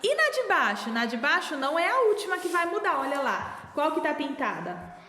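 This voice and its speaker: A woman teaching a remote early-literacy lesson, sounding out words slowly syllable by syllable in a patient, coaxing way. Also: high voice, sing-song, sharp tone. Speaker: primary school teacher. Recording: echoey room, long reverb.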